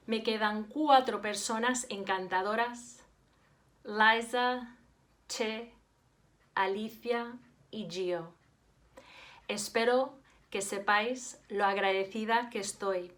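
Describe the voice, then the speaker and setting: Slow-speaking Spanish woman teacher. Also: on the high side, fairly bright tone. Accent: Spanish (Spain). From Spain. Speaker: Spanish and French teacher, program director. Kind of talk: prepared address, thanking staff.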